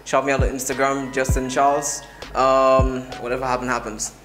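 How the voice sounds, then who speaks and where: A man's voice: mid-range voice, flat delivery, moderate pace. A young man giving a casual self-introduction as a contestant and vlogger. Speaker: dating show contestant. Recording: loud music behind.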